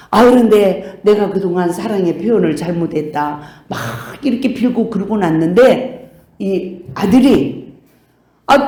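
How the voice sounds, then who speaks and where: A woman pastor giving a sermon, telling stories with lively, acted-out quotes. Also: mid-range voice, roomy sound. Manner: animated storytelling, acting out quoted voices. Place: church sanctuary.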